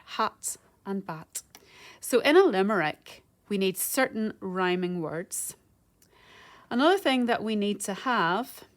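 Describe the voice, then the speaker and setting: A woman teaches a recorded home-learning lesson. She sounds out rhythms and counts syllables slowly and carefully, as a primary school teacher does. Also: mid-range voice.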